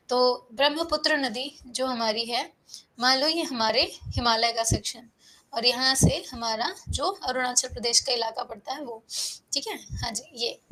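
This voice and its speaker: High-voiced teacher, unwell and tired. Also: female voice, a bit bright, low-quality recording. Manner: explains step by step, asks and answers her own questions; often checks in with the class. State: feeling unwell, low on energy. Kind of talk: online geography class. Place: online live class. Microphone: close microphone.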